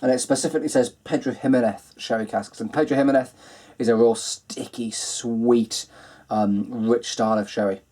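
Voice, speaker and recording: A man hosting a casual whisky review video, talking in a relaxed, chatty way with lots of ums and kinds of. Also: medium pitch, normal speed.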